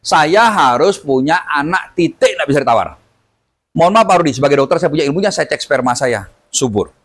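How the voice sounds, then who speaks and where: A man voicing a serious male medical specialist, speaking slowly and in a measured way. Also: on the high side, animated. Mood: earnest.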